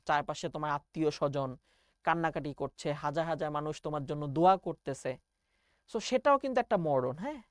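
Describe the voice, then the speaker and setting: A woman's voice: fairly low pitch, dry recording, studio quality. A young woman math teacher. She explains step by step and calls her students "baba" in an online class lecture.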